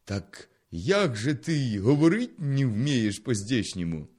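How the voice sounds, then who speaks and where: A man voicing a fawning, condescending petty palace servant who wheedles for a bribe, his voice somewhat raised and louder. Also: medium pitch, very animated, unhurried, slightly rough. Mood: wheedling.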